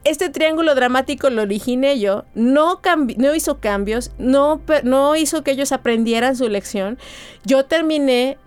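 Lady giving a talk, kinda high and smooth, acts out voices, soft music behind. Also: normal speed. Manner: expressive, acts out quoted voices. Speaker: speaker explaining relationship psychology. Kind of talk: talk explaining a concept with personal examples.

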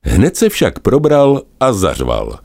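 A man narrating a fairy tale in a lively, expressive way. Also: medium pitch, gravelly, no room sound, clean studio sound. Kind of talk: storybook narration.

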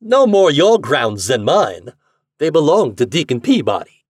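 A man's voice: on the high side, very animated, unhurried, no echo, studio quality, pitched above the performer's own voice. A man doing a sneering, bold colonial man. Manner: sneering, indignant, raised voice.

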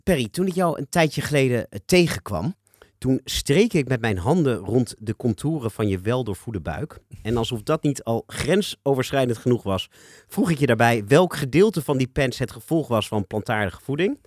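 A man's voice: mid-range voice, animated, moderate pace, a little mellow, dry recording, clean studio sound. A man hosting a conversational interview in a wry, articulate, teasing way. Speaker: interviewer, show host.

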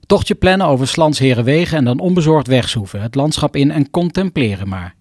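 A man from the Arnhem area of the Netherlands, a rehabilitation doctor, reading his own scripted first-person story in a reflective, poetic, measured way. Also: medium pitch, animated, a little mellow, no echo, clean studio sound.

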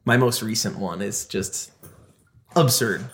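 A man's voice: on the low side, unhurried. A man chatting casually as a guest on a podcast. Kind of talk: casual chat.

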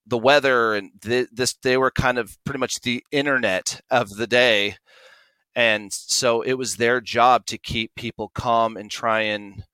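A man in his forties, an audio drama producer appearing as an interview guest, talks conversationally and enthusiastically about his creative work. His mid-range voice sounds pushed and bright, and the recording is dry and rough.

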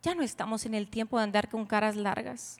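A woman pastor preaches with a bright, high voice that rings out through a large, echoing church hall. Her delivery is emphatic and playful, full of teasing asides, and it jumps from loud declarations to hushed near-whispers. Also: steady tone, a little fast. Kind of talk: sermon to a women's retreat. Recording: long hall reverb.

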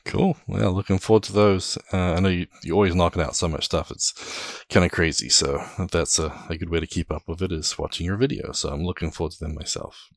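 A man hosting a tech podcast, leading segments in a relaxed, upbeat casual chat. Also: low-pitched, a little fast, few pauses, dry recording, clean studio sound. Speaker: podcast host.

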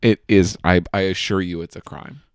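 Deadpan man with a low voice. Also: normal speed, smooth, no room sound. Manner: dry, deadpan reactions. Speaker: podcast co-host. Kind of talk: improvised comedy podcast banter.

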